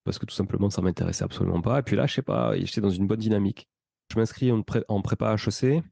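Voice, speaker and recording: A man in his thirties with a Toulouse accent, telling his life story as a podcast guest in a relaxed, rambling way with many fillers. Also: lowish voice, fast talker, creaky, breathy edge, dry recording. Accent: Toulouse French. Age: 30s. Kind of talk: casual conversational storytelling.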